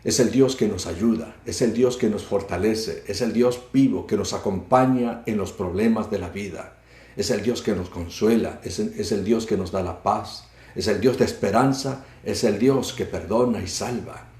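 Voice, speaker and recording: Male pastor, mellow low voice, fervent sermon cadence, roomy echo. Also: moderate pace. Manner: fervent, repetitive preaching cadence.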